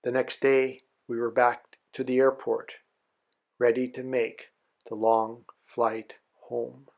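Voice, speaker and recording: A man giving scripted documentary narration in a measured, even way. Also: medium pitch, gravelly, highs cut off.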